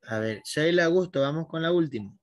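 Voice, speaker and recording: A man's voice: a little high, expressive, a little fast, dry recording, lo-fi sound. A man teaching a language class online, patiently guiding his students by name.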